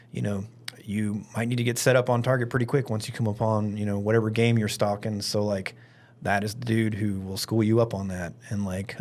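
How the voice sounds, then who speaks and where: A man from Alabama talking casually as a podcast guest, rambling informally and leaning on filler words like "like" and "you know". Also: fairly low pitch. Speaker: firearms instructor and event organiser, interview guest.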